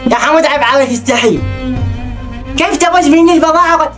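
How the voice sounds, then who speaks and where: A man's voice: extremely high pitch, quick pace. A man playing a stern Yemeni shopkeeper. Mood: scolding. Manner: scolding, insistent. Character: stern older male shopkeeper demanding his debts. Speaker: grocery shopkeeper. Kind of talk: web drama acting. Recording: loud music under the dialogue.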